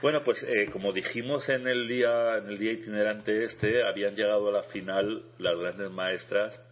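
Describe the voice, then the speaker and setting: A man co-hosting a radio show in casual chat, halting and repeating his words as he goes. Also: on the low side, steady tone. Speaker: radio chess show co-host. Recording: dull lo-fi radio sound.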